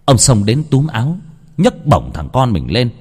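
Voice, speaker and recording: A man's voice: medium pitch, huge pitch swings, measured pace, darkish tone, slightly rough. A man telling a ghost story in a dramatic, theatrical reading style. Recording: long hall reverb.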